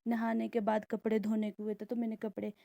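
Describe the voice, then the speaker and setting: A young woman from the Indian hill country narrates her day in an easy, chatty voice-over, explaining each step as she goes. Her voice is a little high, warm and mellow, and it stays level with little rise and fall. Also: completely flat delivery, a little fast, creaky, highs cut off. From Indian hill region. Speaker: vlogger, mother of two daughters. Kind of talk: casual daily-routine vlog voice-over.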